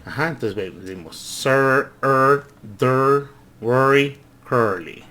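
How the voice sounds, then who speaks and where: A man's voice: mid-range voice, pushed and bright. A man teaching English pronunciation, repeating each word several times and growling long R sounds to show how they are made. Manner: growls drawn-out R sounds to demonstrate. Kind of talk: language lesson.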